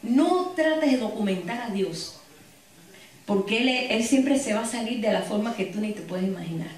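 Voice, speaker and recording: A woman preaches to her congregation, breaking into stories and quick asides. Her voice sits a little high and is picked up from a distance. A booming echo fills the large church hall around her. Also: animated, darkish tone. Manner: storytelling, addresses the congregation with frequent asides. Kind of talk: sermon. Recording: echoey hall, distant mic.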